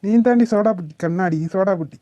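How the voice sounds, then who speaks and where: A woman's voice: mid-range voice, mellow, lo-fi sound, a little hiss or hum, lightly acted. A cheeky cartoon college boy, voiced by a woman. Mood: teasing. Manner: teasing, giggly and fast. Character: cheeky young male college student, teasing joker. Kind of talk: cartoon voice acting.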